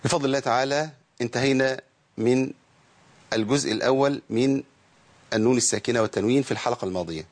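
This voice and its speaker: A man with an Egyptian accent teaching Quranic recitation rules, explaining casually and chanting verse text slowly. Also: mid-range voice. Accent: Egyptian Arabic. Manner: switches between colloquial explanation and slow melodic chanting.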